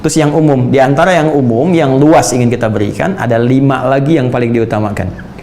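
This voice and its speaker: A man preaching a sermon to an audience, lively and joking, now and then laughing with his listeners. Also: mid-range voice, fairly quick, slight background noise.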